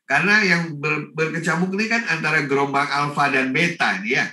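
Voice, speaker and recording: An animated man from Indonesia speaks at an online education forum, his voice bright and cutting, a little raised. He sounds off-mic in an echoey room over a video call, and he slips English phrases into his talk. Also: a little high, brisk, distant mic. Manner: animated, mixes English phrases, greets people by name. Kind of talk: lively online seminar talk.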